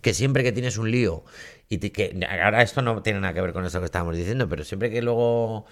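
A man from co-hosting a casual comedy podcast, teasing and excitable, often cutting in on his partner. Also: on the low side, quick pace, vocal fry. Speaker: podcast co-host.

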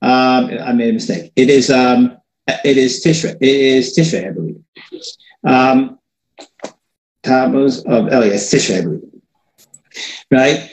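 A man's voice: mid-range voice, steady tone, measured pace, long pauses, a little mellow. A man giving an informal religious lesson, talking loosely and often repeating and restarting his words, heard in an echoey room. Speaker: religious teacher.

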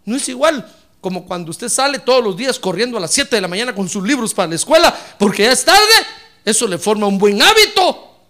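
A man's voice: very high voice, lively intonation, quick pace, bright, forceful tone. A man preaching a sermon, asking the congregation rhetorical questions and calling them brother. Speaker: pastor.

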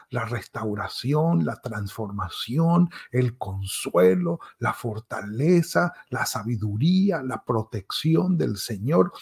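A male pastor delivers a devotional sermon with a gravelly, husky voice. He presses his listeners again and again to pray, his exhortations pleading and repetitive. His pitch sits in an ordinary middle range for a man. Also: darkish tone.

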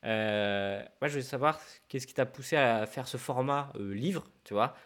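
Male podcast host: informal, halting delivery full of fillers, mid-pitched, conversational. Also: a bit bright. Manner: hesitant, many fillers, chatty and informal. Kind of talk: casual podcast interview.

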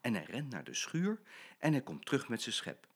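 An older man, a grandfather, reading a children's story aloud in an animated storytelling way. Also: medium pitch, normal speed, breathy edge.

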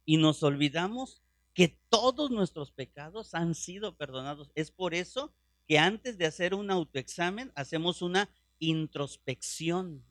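A middle-aged man preaching a sermon, impassioned and fervent, dropping to hushed prayer tones and rising again. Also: on the high side, lively intonation, unhurried, no echo, studio quality. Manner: drops to hushed prayer voice when quoting.

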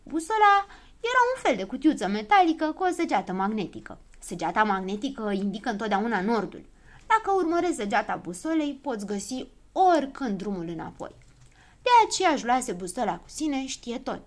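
A woman narrating a children's storybook in an expressive, lively way. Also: on the high side.

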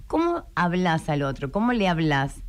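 A woman speaking with a Rioplatense accent, talking as a guest in a radio interview. She explains her ideas in a lively way and often acts out the voices of the people she quotes. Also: on the low side, moderate pace. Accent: Rioplatense Spanish. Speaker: guest, writer and coach.

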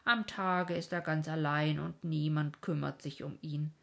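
A woman's voice: sits low, steady tone, unhurried, vocal fry, a bit bright, full character voice. Woman reading as the kindly old King of Dreams.

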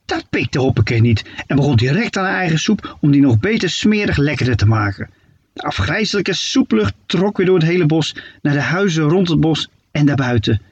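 Briskly paced, the husky male narrator reads a children's story in a lively, playful, expressive way. His voice sits somewhat high and has a dull, muffled quality.

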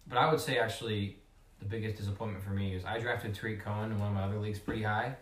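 A man's voice: fairly low pitch, steady tone, very fast, fairly bright tone, recorded from a distance. A man on a casual podcast panel, rambling with lots of filler words. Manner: rambling, lots of "like" and "you know". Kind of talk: casual chat about fantasy football. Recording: roomy echo, a bit off mic.

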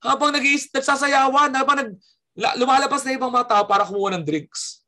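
Lively, bright Filipino comedian. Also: male voice, very high-pitched, brisk. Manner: animated storyteller acting out quotes. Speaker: stand-up comedian. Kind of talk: casual chat telling a story.

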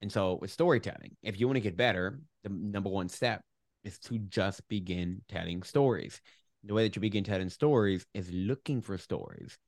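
A man's voice: fairly low pitch, lively intonation, moderate pace, no echo, studio quality. A man with a lisp on his S sounds and R's that sometimes sound like W, explaining things emphatically and conversationally as an interview guest. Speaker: guest, public speaker.

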